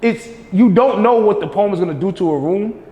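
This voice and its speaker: A man's voice: high-pitched, a little fast, warm tone. A man hosting a podcast as a spoken word poet, telling stories in a laid-back, slangy way and laughing often. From Jamaica. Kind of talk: casual conversation. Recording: echoey room with reverb.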